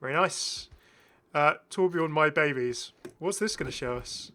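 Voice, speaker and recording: A British man hosts a gaming video, his voice a little high and a little slow, pushed and bright. He offers casual, enthusiastic, rambling commentary over the game footage.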